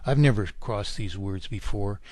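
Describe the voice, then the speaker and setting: A man lecturing at length on a radio show, emphatic and insistent, with his voice climbing high when he fires off indignant questions. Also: normal speed, a little mellow, no room sound. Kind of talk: talk radio monologue.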